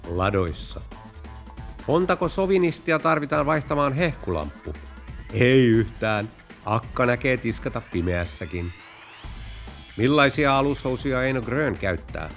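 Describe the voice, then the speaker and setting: Guy hosting a joke podcast, deadpan but really lively pitch. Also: soft background music. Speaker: podcast host. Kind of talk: joke telling.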